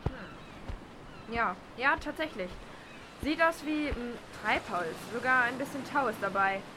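Casting: woman as a bossy, pushy young woman, highish voice, clear background noise. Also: animated. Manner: pushy, brisk.

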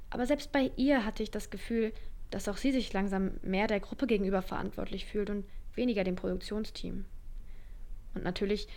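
A woman's voice: medium pitch, a little mellow, lightly acted. Anna, a woman as a thoughtful psychologist. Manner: measured and reflective, defends herself firmly. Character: calm, conscientious female staff psychologist. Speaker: psychologist and narrator. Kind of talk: audio drama narration and dialogue.

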